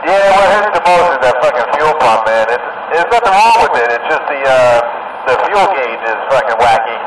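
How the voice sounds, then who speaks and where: A man's voice: mid-range voice, expressive, fairly quick. A man chatting casually over a CB radio, loose and cursing now and then. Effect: heard over CB radio. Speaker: CB radio caller. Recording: echoey, distant CB radio with loud static.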